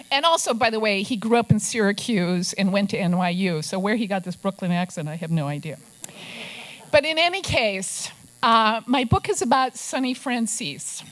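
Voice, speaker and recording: On poor audio, her voice comes through on the high side and a bit bright. The speaker is an older investigative journalist from Minnesota telling a press club stories, punctuated by wry asides and gruff quoted voices.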